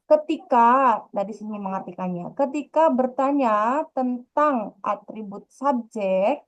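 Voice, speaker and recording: Woman going through a grammar lesson, slightly high voice, patient, keeps repeating points, muffled lo-fi audio. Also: a little mellow. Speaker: Korean language teacher. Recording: dull lo-fi sound.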